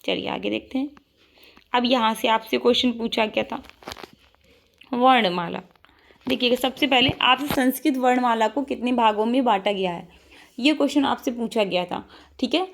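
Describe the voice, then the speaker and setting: A woman's voice: on the high side, normal speed, vocal fry, pauses often. A woman teacher giving an online exam-prep lesson, drilling her students by asking a question and answering it herself, repeating each item.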